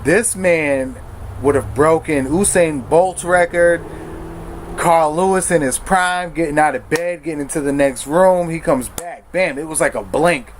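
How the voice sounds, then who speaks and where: A man's voice: on the high side, unhurried, a little hiss or hum. A man telling his personal story in a frank, conversational way, using slang and correcting himself as he goes. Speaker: storyteller sharing his recovery testimony.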